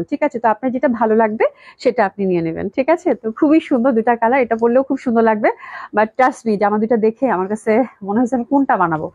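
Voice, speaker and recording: A woman's voice: on the high side, a little mellow, dry recording, dull audio. A woman, chatting casually as she sells clothes on a live stream, greeting viewers by name and repeating her praise. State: slightly hoarse from a cold. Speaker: online clothing seller hosting a live sale.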